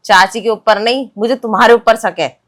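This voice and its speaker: Woman acting a furious young wife, accusing, sarcastic, slightly high voice, comic skit. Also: steady tone, moderate pace, a bit bright, close to an everyday voice. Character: angry young wife confronting her husband.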